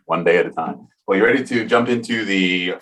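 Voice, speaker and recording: Deep-voiced earnest male podcast host. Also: a little fast, fairly bright tone. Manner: earnest, enthusiastic, thinks aloud. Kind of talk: casual interview conversation.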